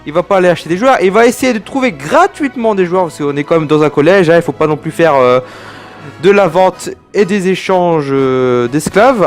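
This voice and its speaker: A young man from France casually reviewing an anime, rambling and digressive with chatty asides to his viewers. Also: high-pitched.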